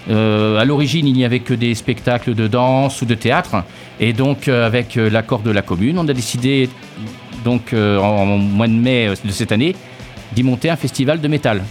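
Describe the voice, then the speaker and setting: A man guesting on a radio show, explaining his festival with steady hesitations and fillers. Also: medium pitch, moderate pace, faint music behind. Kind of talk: radio interview. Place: radio studio.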